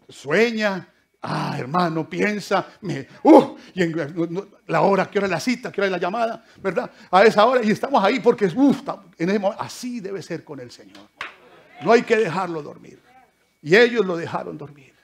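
This church pastor's voice is high-pitched, expressive, and gravelly, moving at a normal speed. His sermon shifts from loud exclamations to quiet asides while he speaks straight to his listeners as brothers.

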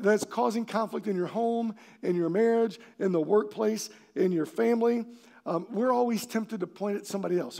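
In a church sanctuary, a male pastor preaches a sermon in a high, gravelly, rasping voice. He delivers it with animation, performing the voices he quotes and sometimes shouting to hammer home a point.

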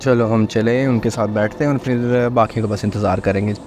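A motorcycle vlogger in his thirties chats in a relaxed, brisk way while riding outdoors on a desert highway, narrating his travels casually and mixing English words into his speech. A helmet or action-camera mic records him, with faint wind and engine noise in the background.

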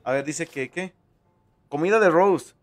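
A man's voice: on the high side, a little slow, faint music behind. A young man with a Mexican Spanish accent, commentating his horror gameplay in slangy, joking casual talk. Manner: joking, slangy, tags lines with "men". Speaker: streamer playing a horror game.

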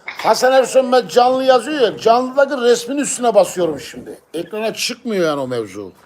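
A man's voice: very high-pitched, lively intonation, brisk, a little mellow, a little hiss or hum. A man in casual conversation, explaining things step by step and often repeating himself. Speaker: pigeon live-stream channel owner. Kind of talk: casual chat.

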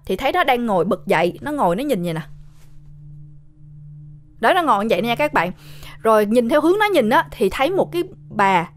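A woman with a high voice speaks fast, casually retelling a horror film. She chats away and talks directly to whoever is listening.

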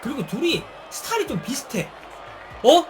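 A man giving excited live commentary on a football video game, with shouted bursts at big plays and casual slang. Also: high-pitched, unhurried. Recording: stream with game music and crowd noise.

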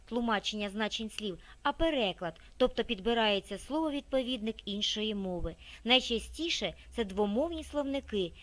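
A woman narrating a scripted library video, reading in a measured, expressive way with careful pauses between listed words. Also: on the high side.

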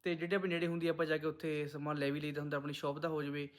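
Male vlogger, Punjabi accent, higher-pitched voice, rapid chatty delivery to camera. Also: level tone, no room sound. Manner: chatty, addresses viewers as friends. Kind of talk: casual vlog narration to viewers.

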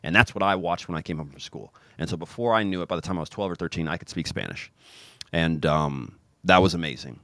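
This fast-talking American guest has a low voice; he's a pro soccer player from Kansas City taking part in a casual podcast interview over video call. The recording is dry, captured on a boom-arm studio mic in a home room with football shirts hanging on the wall. He sounds energetic, with lots of fillers and restarts.

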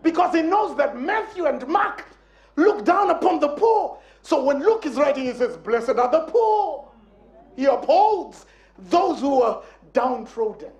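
Animated male preacher in an echoey church. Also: very high-pitched, a little slow. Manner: animated, playful, acts out quotes, bursts of emphasis. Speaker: guest preacher. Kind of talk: sermon.

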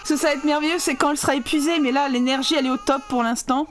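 A young woman with a high voice talks through a video game as a let's play commentator. She is excitable, laughs a lot and yells at the game with casual swearing. A faint hiss of noise sits under her voice. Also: racing. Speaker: gaming channel host.

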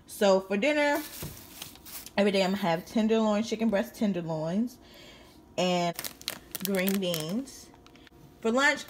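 A woman's voice: medium pitch, slight background noise. A woman in her twenties chatting casually in a vlog, talking into a handheld phone in a car and then a home kitchen. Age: 20s. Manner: chatty, repeats "really, really good". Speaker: vlogger.

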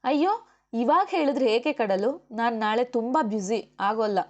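A woman's voice: a little high, moderate pace, darkish tone, highs cut off, voice pushed up, natural voice. Brief: woman reader voicing a bossy, short-tempered male official in an audiobook, giving curt orders. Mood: pleading. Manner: commanding, scolding. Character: stern male officer and husband, quick-tempered. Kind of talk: audiobook character voice.

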